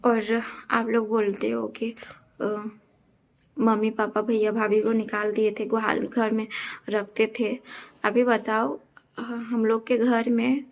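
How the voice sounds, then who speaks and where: Young vlogger girl, gravelly kinda flat voice, keeps explaining herself to viewers. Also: on the high side, slow pace. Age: young adult. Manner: earnest, defensive, repeats her points. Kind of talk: casual talk to camera.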